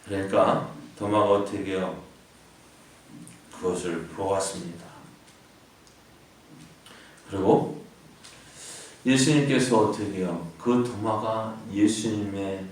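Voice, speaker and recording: A man's voice: sits low, fairly even intonation, slow pace, long pauses, very echoey, distant mic, rough recording. A man preaching a sermon as pastor, often asking the congregation questions and answering them himself. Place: church sanctuary.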